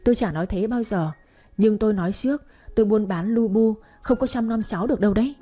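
A woman's voice: mid-range voice, quick pace, faint music behind, natural voice. Woman doing a harsh scolding mother-in-law. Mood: dismissive. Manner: sharp, scolding, dismissive.

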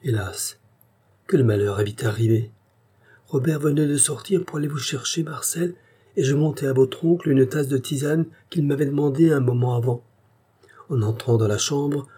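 A man's voice: mid-range voice, normal speed, dark tone, breathy edge, voice pushed up, close to an everyday voice. Man putting on a sobbing old housekeeper woman. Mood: grief-stricken. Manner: sobbing, broken speech. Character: old grieving female housekeeper.

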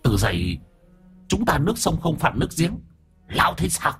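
Guy putting on a husky hissy old river ghost lady, pitch all over the place, spiteful and sneery. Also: sing-song, normal speed, a bit bright, faint music behind, exaggerated voice. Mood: bargaining.

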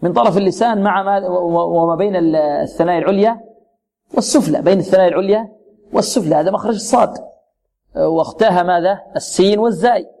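A man's voice: high-pitched, gravelly, warm tone. Man teaching careful Quran recitation. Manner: repeats words slowly to model and correct pronunciation; asks questions to the class and answers them himself. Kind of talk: tajweed lesson.

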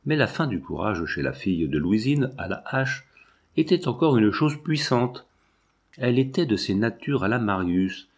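A man with a low voice reads a classic novel aloud. His narration is measured and solemn. He gives the long literary sentences room. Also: darkish tone. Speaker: audiobook reader.

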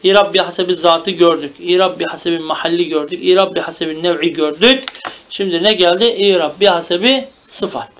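A man with a high voice teaches a traditional grammar text to a student. He recites short Arabic phrases and then restates them in Turkish. He keeps checking understanding with quick questions. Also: a bit bright, slight background noise. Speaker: religious teacher. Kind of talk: classical Arabic grammar lesson.

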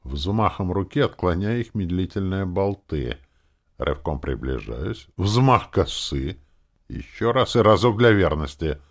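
Низкий хрипловатый чтец аудиокниги. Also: male voice, deep voice, very animated, measured pace. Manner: dramatic, swinging between grim and mocking. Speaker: audiobook narrator. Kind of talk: first-person audiobook narration.

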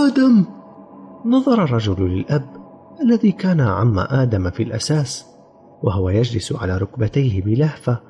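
A man giving a grave, dramatic reading of a dark story as an audiobook narrator. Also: mid-range voice, muffled recording. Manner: grave storytelling, sometimes voicing characters.

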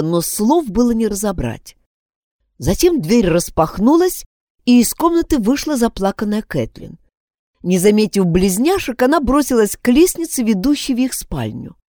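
A woman narrating a children's storybook with a dramatic, expressive reading. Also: medium pitch, dry recording, studio quality. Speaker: audiobook narrator.

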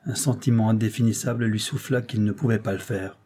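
A man reading a classic novel aloud in a measured literary style. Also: fairly low pitch, steady tone, dark tone. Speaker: audiobook reader. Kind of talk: scripted narration.

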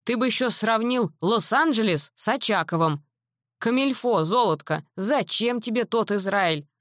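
Blunt, practical old granny, read by a woman narrator: raised pitch, brisk scolding. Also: expressive, dry recording, clean studio sound. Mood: scoffing. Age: older. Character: sharp-tongued old grandmother, blunt and practical.

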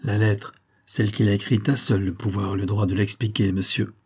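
A man's voice: on the low side, flat delivery, a little fast, a little mellow, breathy edge. A man voicing a proud young man facing a duel, speaking in solemn, formal oaths.

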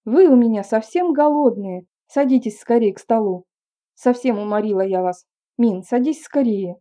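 A woman's voice: sits high, lively intonation, moderate pace, dark tone, pitched above the performer's own voice. A woman voicing a fussy, lamenting middle-aged mother in an audiobook reading. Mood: fussing.

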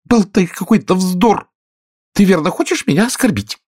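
Guy putting on a squeaky cross little lady mouse, huffy, grumbly, raspy underneath. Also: animated, moderate pace, darkish tone, dry recording, studio quality. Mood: offended. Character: cross fussy female mouse, easily offended.

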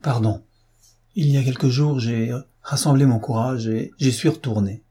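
A man's voice: medium pitch, normal speed, warm tone, breathy edge, lightly acted. A man reading an audiobook, voicing an anguished, tearful young aristocratic wife in a pleading manner. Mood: distraught. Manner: pleading, sobbing.

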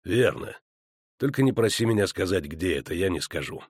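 A man's voice: lively intonation, normal speed, slightly rough, no echo, studio quality. A man voicing a terse, weary monster hunter. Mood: terse, subdued. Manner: quiet, clipped, low. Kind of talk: audiobook character voice.

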